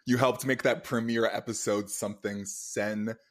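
Campy, effusive male host, lowish voice. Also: fairly even intonation, brisk. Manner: effusive, campy, uses endearments. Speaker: podcast interviewer and host. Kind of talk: conversational recap interview.

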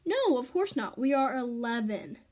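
A woman's voice: on the high side, big pitch swings, normal speed, darkish tone. A woman voicing an eleven-year-old girl stranded in the woods with her twin, anxious and urgent.

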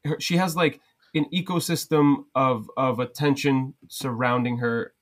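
A man's voice: mid-range voice, fairly even intonation, unhurried. A young adult man, a podcast guest, chatting casually into a headset, rambling with many restarts and fillers. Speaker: podcast guest, cocktail content creator.

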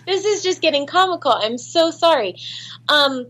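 Against a noisy background, a voice actress guest speaks in a high, expressive voice at normal speed. Her interview chat is loose and self-deprecating, peppered with fillers and restarts.

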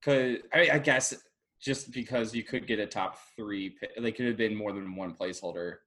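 A man co-hosting a podcast, chatty and prone to laughing as he works through details out loud. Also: lowish voice, moderate pace. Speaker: podcast co-host. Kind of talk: casual sports chat.

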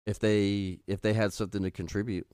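A man's voice: fairly low pitch, level tone, a little fast, darkish tone, clear, resonant tone, dry recording, clean studio sound. A man co-hosting a podcast in loose casual chat, swearing and saying "bro". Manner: loose, profane, says "bro" a lot. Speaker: podcast co-host.

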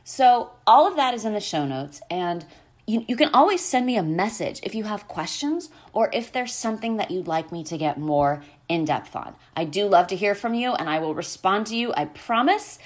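A woman's voice: mid-range voice, expressive, normal speed. A woman hosting a podcast, talking in a conversational way straight to her listeners. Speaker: podcast host.

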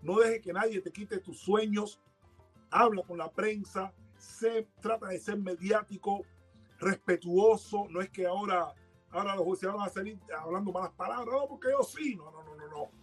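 High husky-voiced man, emphatic. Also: steady tone, normal speed, faint music behind. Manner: emphatic, exhorting, repeats words for stress. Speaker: podcast co-host. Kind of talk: casual boxing chat.

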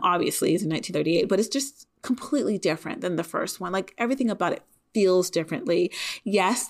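Female podcast host, casual and animated, lower-pitched voice. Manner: animated and chatty, with many restarts. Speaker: podcast host reviewing dramas. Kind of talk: casual solo podcast talk.

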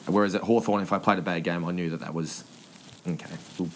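Deep-voiced Australian man, laughing storyteller. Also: steady tone, slight background noise. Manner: laughs often, halting with many ums and restarts. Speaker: former footballer, podcast guest. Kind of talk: casual storytelling interview.

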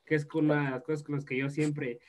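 A man's voice: on the high side, flat delivery, fast talker, a little mellow. A man, co-hosting a podcast in laid-back, slangy casual chat and swearing freely. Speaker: podcast co-host.

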